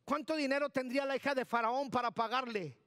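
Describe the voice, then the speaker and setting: A man's voice: very high voice, brisk, a bit bright, dry recording, studio quality. A man pastor delivering an emphatic sermon in church, repeating key words and giving instructions to the sound booth.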